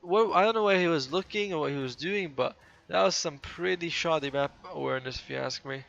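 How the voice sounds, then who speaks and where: Male caster, slightly high voice with gravelly fry; sleepy, casual solo play-by-play, self-correcting. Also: a little fast, fairly bright tone, muffled recording, soft background music. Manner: casual, chatty, often corrects himself mid-sentence. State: tired, yawning. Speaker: game commentator. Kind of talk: solo play-by-play commentary of a game replay.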